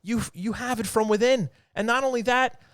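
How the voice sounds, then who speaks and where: A man with a New York accent co-hosting a hockey talk show, animated and excited, quick to laugh and answering his own questions. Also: very high-pitched, no room sound, studio quality. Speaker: podcast co-host.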